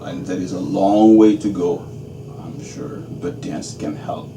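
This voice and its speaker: Deep-voiced man, roomy and distant. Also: heavy background noise. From Senegal. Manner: measured, checks in with "okay?". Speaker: dance graduate student. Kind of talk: interview answers.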